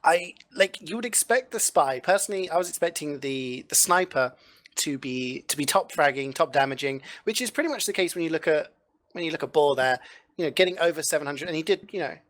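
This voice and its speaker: A man's voice: a little high, animated, a little fast, fairly bright tone. A man co-casting a live esports match, amused and analytical, thinking aloud as he goes through the game stats. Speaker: esports co-caster.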